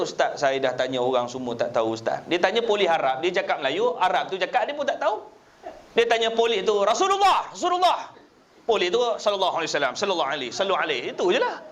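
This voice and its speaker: A man with a Malaysian Malay accent preaching in a mosque, telling lively stories and often calling on his listeners. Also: extremely high pitch. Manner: lively storytelling, addressing listeners as tuan-tuan. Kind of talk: religious lecture.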